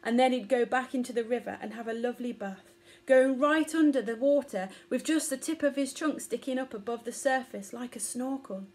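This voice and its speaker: A woman narrating a children's storybook aloud in a gentle, expressive way. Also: a little high, fairly quick.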